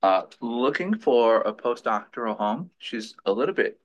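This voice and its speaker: A man's voice: mid-range voice, expressive, normal speed, highs cut off, slight background noise. A man leading a lab meeting, introducing a guest speaker informally, with many fillers and restarts.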